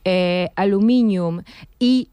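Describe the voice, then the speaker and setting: A woman from Poland with a Polish accent, speaking Spanish as a second language, talking as an exhibition curator in a radio interview and pausing often with fillers and restarts. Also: medium pitch, mellow, smooth, no room sound. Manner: hesitant, many fillers and restarts.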